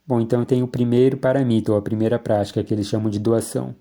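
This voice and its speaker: A man's voice: mid-range voice, flat delivery, fast, dark tone. A man, a psychologist giving an explanatory lecture and checking in with frequent tag questions.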